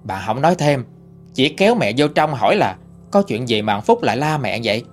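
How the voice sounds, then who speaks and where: A man's voice: medium pitch, big pitch swings, fairly quick, faint music behind. A man narrating listener stories in a conversational storytelling manner. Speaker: ghost story channel narrator. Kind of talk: reading listener-sent stories.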